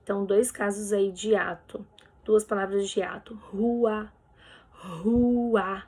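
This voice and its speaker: Patient Brazilian teacher, mellow husky voice. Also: female voice, medium pitch, level tone, moderate pace. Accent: Brazilian Portuguese. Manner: patient, explanatory, ends phrases with "tá bem?". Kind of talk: recorded lesson correcting exercises.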